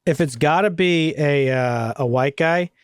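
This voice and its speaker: A man co-hosting a film podcast in casual chat, animated and profane, often laughing. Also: fairly high pitch, unhurried, clean tone, no room sound, studio quality. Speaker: podcast co-host.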